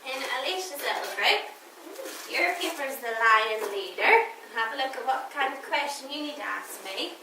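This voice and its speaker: A woman's voice: high-pitched, animated, moderate pace. A woman primary school teacher patiently giving instructions to young children in her classroom. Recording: echoey classroom, distant mic, noisy.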